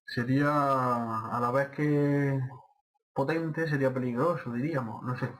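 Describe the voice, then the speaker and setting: A man who is a guest on a radio talk show, explaining a film in a plain, unhurried way. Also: mid-range voice, steady tone, fairly bright tone, a little hiss or hum, rough recording. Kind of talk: casual radio interview.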